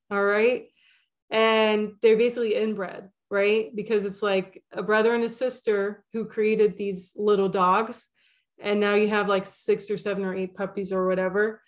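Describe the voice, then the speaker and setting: A young woman hosting a spiritual channel, talking alone in a loose, rambling way with lots of fillers and restarts. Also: medium pitch. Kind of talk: casual monologue.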